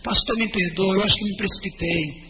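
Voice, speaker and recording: A man's voice: high voice, fairly quick, long reverb tail, noisy background, close to an everyday voice. A man playing a pushy pious old churchwoman. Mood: pleading. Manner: insistent, pious. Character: pushy 67-year-old churchwoman sure of revelation.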